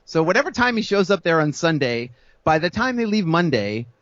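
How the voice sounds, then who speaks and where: A man co-hosting a podcast, telling a music-history story in a casual, animated way, acting out the people he quotes and laughing often. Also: fairly high pitch, fairly quick, no room sound, muffled recording. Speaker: podcast co-host.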